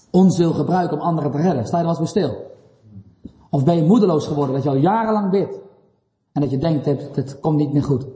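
Earnest high-voiced male preacher, echoing hall. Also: warm tone. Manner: earnest, rising intensity, rhetorical questions. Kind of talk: sermon. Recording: roomy hall with long reverb.

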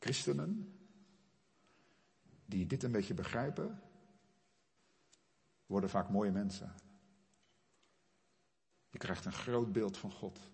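A man preaching a sermon, his delivery swelling loud and high at the climaxes and then dropping low. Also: animated, slow, vocal fry, pauses often, big-room sound. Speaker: pastor.

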